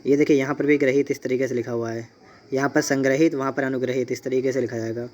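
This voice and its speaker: A male Hindi teacher from India, giving an exam-prep lesson. He spells words out slowly and keeps checking in with his students. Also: medium pitch, flat delivery, a little mellow. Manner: repeats "theek hai" and "dekhiyega", spells words out slowly.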